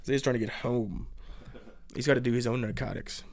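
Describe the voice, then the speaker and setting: A man's voice: medium pitch, steady tone, a little fast, no echo, clean studio sound. A young man co-hosting a podcast, teasing and joking in casual banter. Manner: joking, teasing, breaks into laughs. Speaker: podcast co-host.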